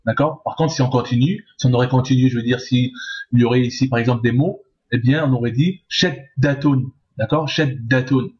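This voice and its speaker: Speaking briskly in a mid-range voice with a darkish tone, a male Arabic teacher walks through a language lesson step by step. He patiently repeats every word and makes sure the listener keeps up, on a lo-fi recording.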